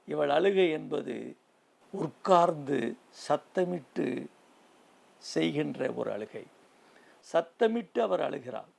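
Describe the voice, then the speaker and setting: Gravelly male preacher. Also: fairly high pitch. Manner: slow emphatic preaching, repeating phrases. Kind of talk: sermon.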